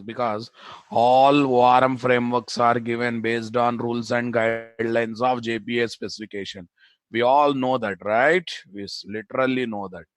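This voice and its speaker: Male programming instructor, Telugu Indian accent, dry sound, mid-pitched, informal, repetitive lecturing with self-answered questions. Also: no echo. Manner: repeats phrases for emphasis, asks and answers own questions; informal, addresses students as boss. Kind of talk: live technical lecture.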